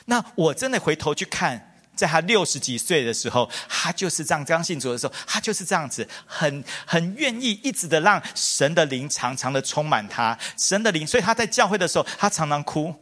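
A man's voice: on the high side, a little fast. A middle-aged man preaching a sermon, telling stories with lots of repetition and calling the congregation forward. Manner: animated, repetitive, storytelling. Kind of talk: sermon with altar call. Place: church hall. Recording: long hall reverb with faint music.

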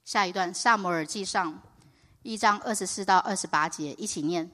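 A woman preaching and telling her own story in an excitable way, often rising to loud, high exclamations. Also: moderate pace. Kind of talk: animated sermon testimony. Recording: reverberant hall.

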